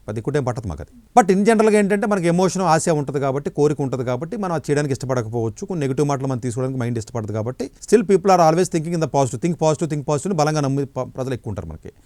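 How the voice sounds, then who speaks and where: A middle-aged man, an education counselor, giving blunt, forceful answers in an interview. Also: a little high, lively intonation, racing, hardly any pauses, dry recording.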